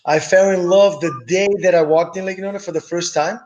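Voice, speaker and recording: A middle-aged man who grew up in Brazil, guest in a casual interview, relaxed and enthusiastic with hesitant restarts. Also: high-pitched, a little fast, highs cut off, slight background noise. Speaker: guest, business owner.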